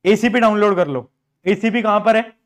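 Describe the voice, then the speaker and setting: A high-pitched male teacher running a live online class. He talks in a chatty, repetitive way, mixing English words into his sentences. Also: moderate pace. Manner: chatty, repeats phrases, mixes English into Hindi.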